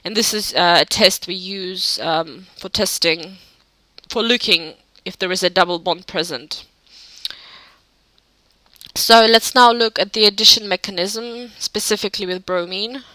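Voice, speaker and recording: A woman's voice: medium pitch, unhurried, sharp tone, no room sound, poor audio. A woman narrating a chemistry lesson over slides, hesitant, with many "um" fillers and self-corrections. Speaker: chemistry tutor.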